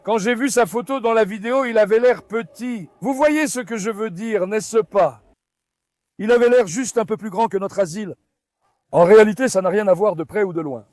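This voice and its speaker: Male vlogger, high pitch, coaxing and commanding his dogs, dry sound. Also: normal speed, a little mellow, no echo. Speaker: farm dog owner and vlogger. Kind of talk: casual vlog talk to camera and dogs.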